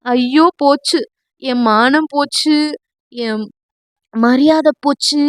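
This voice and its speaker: A woman's voice: high-pitched, slow, dry recording. Brief: woman reading a mischievous young husband, fake-dramatic wails and teasing, dry close audio-novel read. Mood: mock wailing. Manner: theatrical fake wailing.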